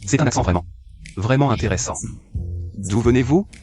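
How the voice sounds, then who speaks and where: A man's voice: medium pitch, lively intonation, darkish tone, soft background music, natural voice. A man dubbing a polite young interim CEO who speaks courteously and evenly. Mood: curious. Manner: courteous and measured. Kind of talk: French dub of a short drama.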